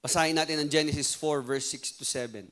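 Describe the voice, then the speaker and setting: Filipino man, pastor, sermon, high voice, animated, switches between Tagalog and English. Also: brisk.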